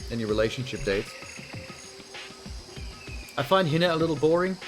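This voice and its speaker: A man hosts a video game playthrough with music playing behind him, reading game text aloud and offering casual, blunt commentary. His voice is a little high and expressive, at a normal speed. He reacts with exasperation and drops blunt asides.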